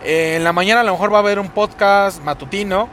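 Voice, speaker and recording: A man's voice: high voice, fast. Young Mexico City guy, foul-mouthed podcast host, recorded while driving with faint road noise. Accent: Mexico City Spanish. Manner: rambling, profane, sing-song delivery. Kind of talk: casual solo podcast monologue. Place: inside a car while driving. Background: car and road noise.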